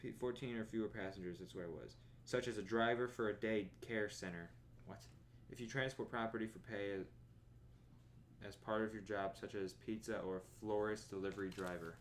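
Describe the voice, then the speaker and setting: A man's voice: fairly low pitch, normal speed, a little hiss or hum. Young man droning through a driver's manual. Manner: plodding monotone reading with yawns and asides. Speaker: streamer. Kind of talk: reading a driver's manual aloud. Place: bedroom at home.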